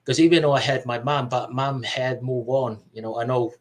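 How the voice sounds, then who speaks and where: Soft-spoken man from Samoa. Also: mid-range voice, steady tone, rough recording. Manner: soft-spoken, halting, many fillers and restarts. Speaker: podcast guest. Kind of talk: personal life story in casual chat.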